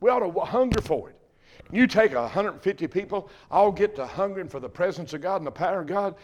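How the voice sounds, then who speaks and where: An older man preaching a sermon, folksy and emphatic, swinging from loud bursts to hushed asides. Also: high voice, lively intonation, quick pace. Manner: folksy, repeats and restarts phrases. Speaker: pastor.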